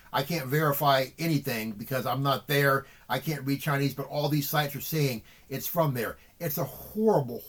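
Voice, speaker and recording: A man's voice: medium pitch, fairly bright tone. A middle-aged man talking earnestly to his viewers in a vlog monologue, repeating words and restarting sentences often. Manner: earnest, repetitive, with frequent restarts. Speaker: vlogger. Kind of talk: emotional monologue to camera.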